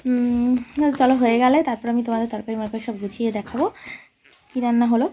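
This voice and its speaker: A woman's voice: a little high, flat delivery, quick pace, mellow, a little hiss or hum. Chatty woman vlogging at home. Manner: chatty, addresses viewers directly, many fillers. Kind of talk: casual vlog narration to viewers. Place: home, indoors. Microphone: phone camera held by the speaker.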